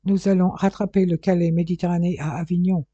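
Man putting on a loud boastful English detective. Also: high voice, little pitch movement, brisk, no echo, dull audio, pitched above the performer's own voice.

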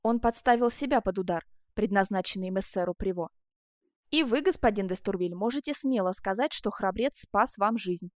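A woman voicing a passionate middle-aged master sculptor, exclaiming loudly in an audiobook reading. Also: medium pitch, lively intonation, moderate pace, dry recording, clean studio sound, lightly acted. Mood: insistent. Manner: impassioned, exclaiming.

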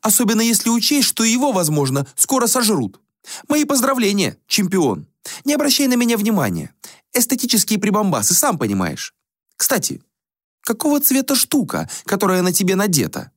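A man's voice: high-pitched, huge pitch swings, moderate pace, dry recording, clean studio sound, pitched above the performer's own voice, heavily acted. A man doing a vain, sneering young prince. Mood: mocking. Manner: mocking, dismissive, affected. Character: young male prince and artist, vain, flippant and rude.

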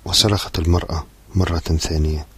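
A man narrating a literary novel as an audiobook in a measured, steady storytelling manner. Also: sits low, slightly rough, dry recording.

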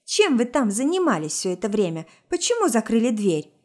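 A woman reading aloud puts on a jealous young woman close to hysteria. Her voice pitches high and loud, shrill and accusing, pushed well above the calm narration. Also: fairly quick. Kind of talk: audiobook reading of a story.

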